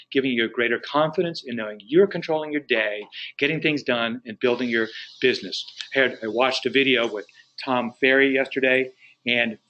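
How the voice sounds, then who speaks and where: A man running a live training webinar with a bright, forward voice. He keeps it folksy and encouraging, and his pitch sits right in the middle. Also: low-quality recording. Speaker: real estate business trainer.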